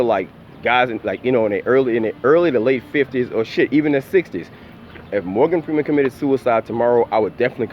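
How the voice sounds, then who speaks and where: A man's voice: mid-range voice, highs cut off, a little hiss or hum. A man out of breath on a morning walk outdoors, rambling through a casual opinion vlog in profane, slangy talk. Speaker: YouTube opinion commentator.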